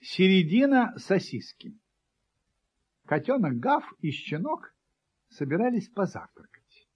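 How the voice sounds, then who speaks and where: A man reading a children's story aloud in an expressive, sing-song way. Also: sits high, slow pace, slightly rough. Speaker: narrator. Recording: dull lo-fi recording.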